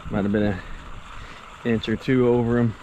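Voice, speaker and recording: A man's voice: mid-range voice, flat delivery, normal speed, warm tone. Young American man, noisy outdoor recording. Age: young adult. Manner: laid-back, slangy, profane. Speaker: fishing vlogger. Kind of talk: casual outdoor vlog narration. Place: outdoors at a river and bridge. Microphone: handheld action camera at arm's length. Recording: clearly noisy outdoor action-camera audio.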